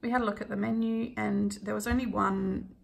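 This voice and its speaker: A woman vlogger casually telling a travel story while she stitches at home, laughing often and filling pauses with ums. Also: medium pitch, steady tone, vocal fry.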